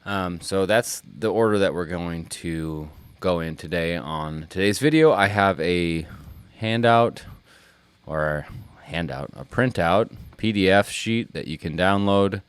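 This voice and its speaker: A middle-aged man with a very low, smooth and resonant voice talks through a guitar lesson. He explains at an easy, rambling pace, often pausing on fillers. The sound is dry and close, with no room around it. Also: no echo. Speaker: guitar teacher. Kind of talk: casual video lesson.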